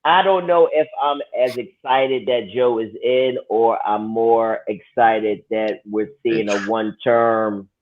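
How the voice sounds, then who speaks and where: A man's voice: mid-range voice, steady tone, slow pace, few pauses. A man co-hosting a casual political talk, musing and sarcastic, often restarting his sentences. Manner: sarcastic, reflective, many restarts. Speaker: podcast co-host. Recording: tinny phone-like line.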